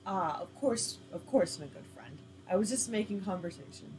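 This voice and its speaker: A woman reading the lines of a sly older male soldier who talks in a smooth, wheedling way. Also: mid-range voice, lively intonation, normal speed, over music, close to an everyday voice, rough recording.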